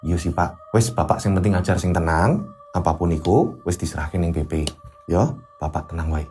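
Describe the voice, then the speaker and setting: Man doing a hushed, soothing Javanese-accented wife. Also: moderate pace, faint music behind, lightly acted. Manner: soft, calming, low and quiet. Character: gentle soothing wife of a teacher.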